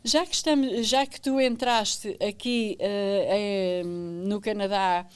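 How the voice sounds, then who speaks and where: A woman's voice: mid-range voice, steady tone, takes it slowly, clear, resonant tone. A woman from central Portugal hosting a podcast interview, chatting casually and asking long, winding questions. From Portugal, central region. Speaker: podcast host.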